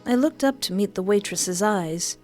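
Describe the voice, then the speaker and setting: Reading a visual novel aloud at a moderate pace, a woman performs the narration and dialogue with expression, changing pitch to suit each character, over faint background music.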